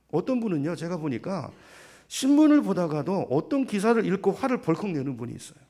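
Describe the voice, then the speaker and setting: A middle-aged man preaching a sermon, asking the congregation rhetorical questions and acting out what other people say. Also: high-pitched. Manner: acts out quoted voices of others. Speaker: pastor.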